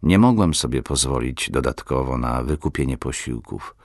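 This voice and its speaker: A man voicing a poor, embarrassed male traveler who answers quietly, almost in a whisper. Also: very deep voice, expressive, moderate pace, vocal fry, dry recording, studio quality, exaggerated voice. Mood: ashamed. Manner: quiet, near whisper, ashamed.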